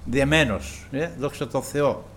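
A man with a mid-range, slightly bright voice preaches to his congregation, often stopping with filler sounds and repeatedly praising the Lord. There's a little background noise.

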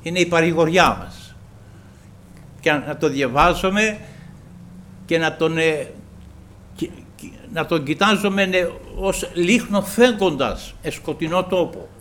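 A man preaching a sermon to his congregation, halting often with filler sounds and repeating praise to the Lord. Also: fairly high pitch, fairly bright tone, a little hiss or hum.

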